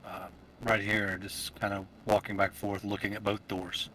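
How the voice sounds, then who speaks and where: A man's voice: lowish voice, little pitch movement, moderate pace, pushed and bright, slight background noise. A man playing in a tabletop game, talking hesitantly as he thinks aloud. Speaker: player.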